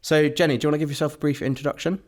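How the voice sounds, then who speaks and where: A man's voice: a little high, fairly even intonation, very fast. A man hosting a podcast, asking short friendly questions in a casual chat. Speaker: podcast host.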